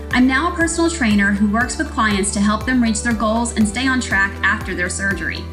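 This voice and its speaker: A woman hosting a podcast, upbeat and welcoming as she introduces her guest. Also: mid-range voice. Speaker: podcast host and personal trainer. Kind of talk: podcast interview.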